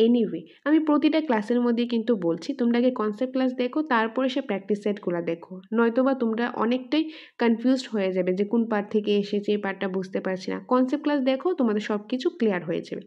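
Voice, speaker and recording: Higher-voiced woman teacher, dull recording. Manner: reads English questions slowly, explains in Bengali. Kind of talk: exam practice lesson.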